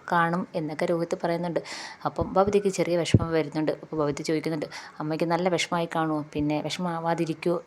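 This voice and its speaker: A woman with a Malayali accent, quickly retelling a TV serial episode and quoting each character's lines in her own voice. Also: deep voice, darkish tone, a little hiss or hum.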